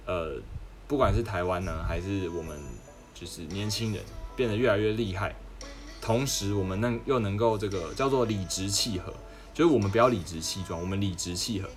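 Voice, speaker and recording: A young man with a Taiwanese Mandarin accent chats with his audience, telling anecdotes and now and then mimicking others in a higher voice. His voice sits low. Quiet music plays softly behind him. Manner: chatty storyteller, mimics others in raised voice. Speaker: livestream host. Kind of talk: casual chat. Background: background music.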